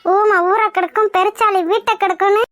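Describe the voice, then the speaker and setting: A woman voicing a scornful, nagging middle-aged village gossip in a cartoon, with a shrill delivery. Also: flat delivery, brisk. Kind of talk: cartoon voice acting.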